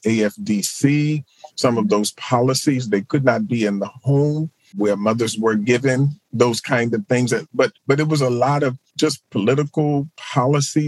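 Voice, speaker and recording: A middle-aged Baltimore man who is both a pastor and a social work professor answers an interviewer's questions reflectively, with fillers and restarts. His medium-pitched voice comes through a low-quality recording without echo.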